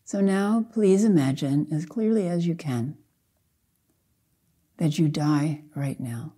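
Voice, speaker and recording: Speaking in a low register, an elderly female Zen teacher leads a guided meditation. Her delivery is quiet and tender, with brief, deliberate phrases and lengthy silences between them.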